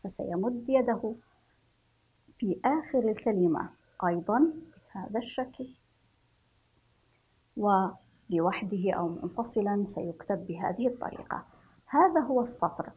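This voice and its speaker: A woman from Yemen teaching a children's reading and writing lesson. She draws out each word slowly, syllable by syllable, for young pupils. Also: medium pitch, animated, darkish tone, husky, low-quality recording.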